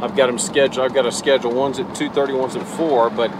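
A man's voice: medium pitch, fairly even intonation, quick pace. Man, 40s, travel vlogger, rambling, self-correcting, inside a camper van, dashboard camera, noisy background. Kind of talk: casual vlog to camera. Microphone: camera on the dashboard at arm's length.

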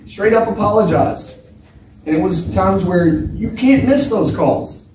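A man in his thirties, a football quarterback, answering reporters at a post-game press conference in a frank, halting way with many restarts. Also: sits high, animated, noisy background. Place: small press room with bare walls. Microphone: table mic, filmed from across the room. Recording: echoey room from a distance.

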